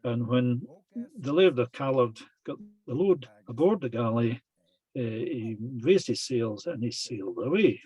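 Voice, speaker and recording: A man giving a lecture that retells traditional tales, speaking in a halting, deliberate way. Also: mid-range voice, animated, a little mellow, slightly rough, rough recording.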